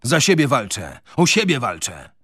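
A man's voice: mid-range voice, wildly swooping pitch, moderate pace, sharp tone, slightly rough, dry recording, studio quality, exaggerated voice. A man reading a novel on radio, voicing a skeptical, cautious male prisoner who sneers and philosophizes.

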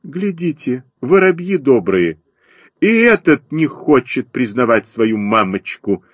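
Male reader as a fussy storybook sparrow mother: shrill, scolding, husky edge. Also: very animated, slow, no echo, dull audio. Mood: indignant. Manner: shrill, chattering, indignant. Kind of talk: audiobook character voice.

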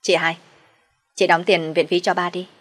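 An entitled young man in an audio story, speaking bluntly and throwing insults, voiced by a woman narrator. The voice is low and husky, and he sounds loud and pushy. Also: level tone, moderate pace, dry recording, lightly acted. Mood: demanding. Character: rude, entitled young brother-in-law.

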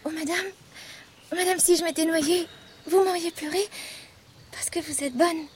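An actress voicing a timid, gentle poor little girl in a radio drama, talking softly and pleadingly. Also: very high-pitched, fairly even intonation, measured pace, slight background noise. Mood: tender. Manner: soft, pleading, childlike.

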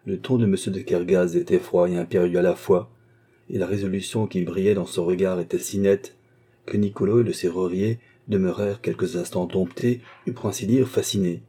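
A man reading a classic novel aloud as narrator, measured and steady. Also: lowish voice, slightly rough. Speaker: audiobook narrator.

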